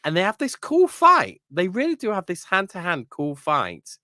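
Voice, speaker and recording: His voice sits high and swoops wildly in pitch, sharp in tone, at a normal speed, as this podcast co-host casually reviews an episode with lots of fillers and "you know what I mean" tags. The recording is dry and studio grade.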